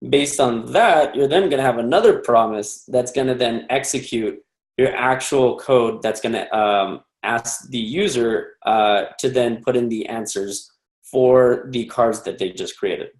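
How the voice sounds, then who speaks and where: A man's voice: mid-range voice, a little slow. A man instructing a coding class in a casual, rambling way, full of fillers and self-corrections. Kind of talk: casual live class walkthrough. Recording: echoey room.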